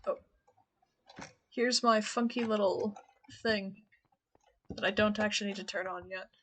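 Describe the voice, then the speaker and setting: A woman's voice: medium pitch, fairly even intonation, a little slow, a bit bright, slight background noise. A woman streamer talking casually to her chat while playing a game, chatty and rambling, often laughing.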